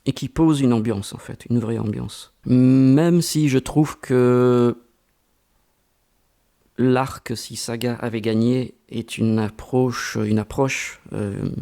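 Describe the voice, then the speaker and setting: Slow, gravelly-voiced man musing hesitantly. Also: medium pitch, fairly even intonation, warm tone. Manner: slow and halting, many hesitations and repeated words. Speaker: interviewee, amateur voice actor. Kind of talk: reflective interview answers.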